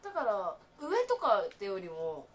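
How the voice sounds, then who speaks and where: A woman's voice: medium pitch, huge pitch swings, measured pace, a little hiss or hum. A young woman chatting casually as a game streamer, teasing her partner and giving her hints. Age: young adult. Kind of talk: casual live gameplay chat. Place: indoor room, seated beside co-player.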